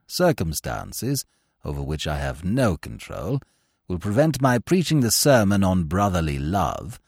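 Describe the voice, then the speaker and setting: A man voicing an elderly country clergyman, reading out his letter in a slow and stately way. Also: lowish voice, darkish tone, dry recording, studio quality, pitched below the performer's own voice, exaggerated voice.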